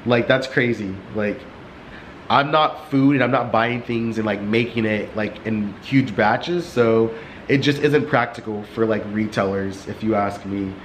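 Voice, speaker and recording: Young male vlogger, casual and monotone, filler-heavy, slightly breathless, faint room tone. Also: lowish voice, unhurried, slight background noise, rough recording. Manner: rambling, many "like" fillers. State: short of breath. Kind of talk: casual vlog chat. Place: warm sunlit apartment living room. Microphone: camera resting on a couch.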